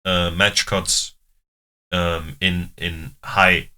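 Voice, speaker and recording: A man's voice: deep voice, flat delivery, extremely slow, bright, forceful tone. A man hosting a music reaction video, chatting casually and explaining at length with many restarts. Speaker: reaction channel host. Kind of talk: casual chat.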